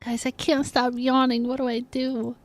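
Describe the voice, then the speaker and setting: A woman with a high-pitched, fairly flat voice livestreams a video game at a normal speed, chatting casually and playfully with viewers as she plays. She laughs easily and reacts playfully, with soft music in the background.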